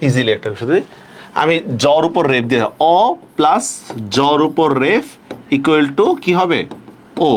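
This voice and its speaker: A man teaching a live online class, repeating questions and checking often that students follow. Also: on the high side.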